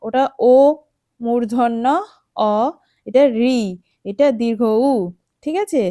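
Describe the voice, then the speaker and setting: A woman's voice: on the high side, mellow, dry recording, studio quality. A woman teaching a first-grade textbook lesson with a West Bengal Bengali accent, patiently counting and spelling words aloud and often checking in with the children. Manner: patient, coaxing, checks in with "ঠিক আছে?". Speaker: primary school teacher.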